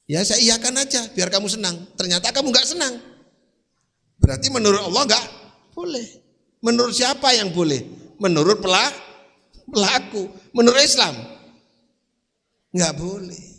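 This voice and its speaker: Guy preaching, keeps quizzing the crowd, bright sharp voice, echoey hall. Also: sits high, animated, moderate pace, long pauses. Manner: quizzes the audience with rhetorical questions. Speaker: Islamic preacher. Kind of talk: sermon to a congregation. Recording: long hall reverb.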